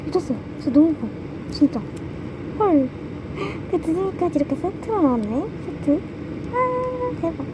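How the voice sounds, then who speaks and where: A young woman vlogging an unboxing, excitable and quick to gasp and squeal with delight. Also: extremely high pitch, background noise. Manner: excitable, gasping and squealing over merch. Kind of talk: casual unboxing vlog.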